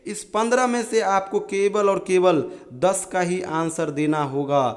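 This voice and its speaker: A young man teaching students about an exam's marking pattern, calling them friends and reading out lists of terms slowly. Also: high-pitched, steady tone. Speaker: exam-prep teacher. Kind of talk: explaining an exam pattern to students.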